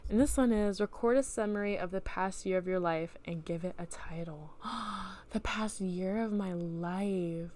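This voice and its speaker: A young woman hosting a solo podcast, telling loose, profanity-laced stories in a relaxed, casual way into a home computer mic. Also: medium pitch, measured pace. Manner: loose, profane storytelling with laughs. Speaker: podcast host.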